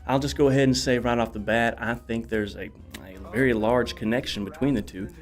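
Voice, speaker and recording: Male talk show host, breathless and coughing, energetic rambler, soft music under. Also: mid-range voice, brisk. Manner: energetic, rambling, many fillers and exclamations. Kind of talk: casual solo talk show monologue.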